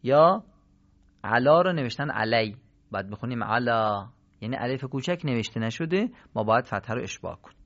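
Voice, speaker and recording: A man's voice: mid-range voice, expressive. Patient male teacher, dull lo-fi sound. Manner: patient, explanatory, draws out example words slowly. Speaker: Quran recitation teacher. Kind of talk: radio lesson on Quran recitation rules.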